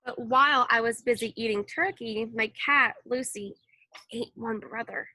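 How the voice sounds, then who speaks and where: A woman narrates a children's storybook aloud in an expressive style, her voice a little high and her pace normal.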